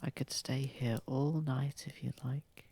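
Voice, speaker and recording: An actor plays a posh, gentle, protective vampire lord of a manor in a soft, intimate ASMR roleplay, speaking unhurriedly, soothingly, and slightly formally. The mid-range voice is breathy, husky, gravelly, and slightly creaky, with a flat delivery and a warm, soothing mood. It's recorded dry on a close microphone.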